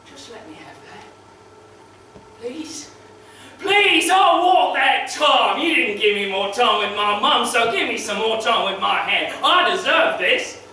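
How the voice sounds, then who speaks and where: An actor playing a crude, cocky crocodile wrestler who loses his arm and grieves, talking in a foul-mouthed way that swings from swagger to shouted despair. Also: high-pitched, a little hiss or hum, exaggerated voice. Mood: anguished. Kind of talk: dramatic monologue. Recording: very echoey room, mic far off, faint ambience.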